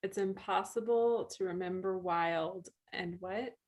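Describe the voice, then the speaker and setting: A woman co-hosting a poetry and tea session, reading poems aloud and talking in a soft, thoughtful way with pauses. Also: lowish voice. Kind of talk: slow, reflective poetry reading and chat.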